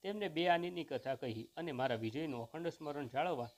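Man reading a story, higher-pitched voice. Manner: measured, expressive first-person storytelling. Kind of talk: scripted narration of a humorous short story.

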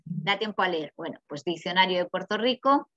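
A woman from Spain with a Peninsular Spanish accent giving a lively, chatty seminar lecture and asking the audience questions. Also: on the low side, moderate pace, no echo. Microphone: video call. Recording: dull, dry video call audio.

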